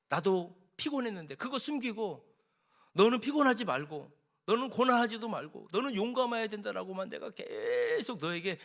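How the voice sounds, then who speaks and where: A man voicing a remorseful father who confesses his fears and apologizes to his young son in soft, confessional tones. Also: high-pitched, gravelly, heavily acted.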